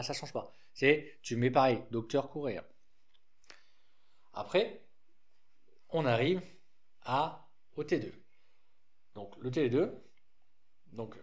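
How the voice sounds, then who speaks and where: A man with a lisp explaining a card game deck in a loose, rambling way, full of restarts. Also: mid-range voice. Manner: rambling, frequent restarts and fillers, informal.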